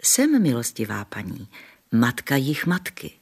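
A man's voice: medium pitch, huge pitch swings, creaky, husky, heavily acted. A man voicing a kindly old grandmother who tells folk tales to children in a homely, patient way. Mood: respectful. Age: older. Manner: homely, patient storytelling with folksy sayings. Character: kindly old grandmother, gentle village storyteller.

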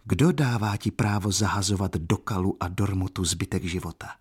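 A man voicing a gentle, composed young noblewoman in a read-aloud novel, speaking softly and graciously. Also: low voice, slightly rough. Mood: whispering. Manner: soft, gracious.

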